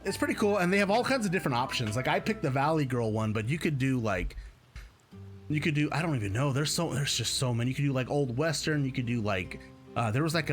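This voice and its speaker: A man chatting casually on his game stream, rambling and laughing often. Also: mid-range voice. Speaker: gaming streamer. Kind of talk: casual live-stream chat.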